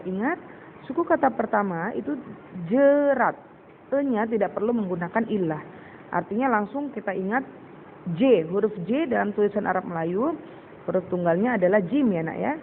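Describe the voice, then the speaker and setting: A woman teacher giving a patient recorded lesson to children, slowly sounding out syllables and repeating words. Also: medium pitch. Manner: addresses pupils as "Nak". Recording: tinny phone-like recording with faint hiss.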